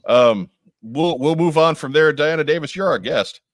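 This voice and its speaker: A man hosting a podcast, talking in a relaxed, laid-back way. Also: on the high side, normal speed, dry recording, clean studio sound. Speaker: podcast host. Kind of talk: casual podcast chat.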